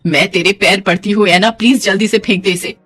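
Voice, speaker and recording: A woman's voice: mid-range voice, fairly even intonation, brisk, fairly bright tone, slightly rough, dry recording, faint music behind. Woman doing a scolding mother-in-law. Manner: exasperated, scolding, dramatic laments. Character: fussy traditional middle-aged mother-in-law.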